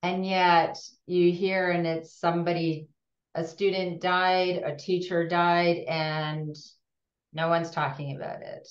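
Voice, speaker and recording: A woman's voice: lowish voice, flat delivery, takes it slowly. A woman co-hosting a casual heart-to-heart conversation, talking expressively and laughing often. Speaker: co-host. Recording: echoey room, dull lo-fi sound.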